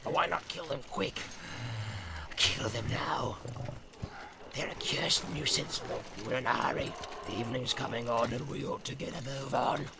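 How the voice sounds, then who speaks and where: A man's voice: mid-range voice, moderate pace, creaky, over a noisy crowd, natural voice. A man voicing an impatient, bloodthirsty male orc from the mines who keeps urging haste. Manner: restless, swooping, urging haste.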